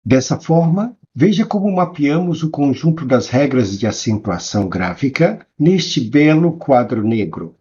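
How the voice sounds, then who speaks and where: A man teaching a grammar lesson in scripted narration, spelling out examples slowly and with emphasis. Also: medium pitch, expressive, warm tone, slightly rough, lo-fi sound. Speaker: Portuguese teacher.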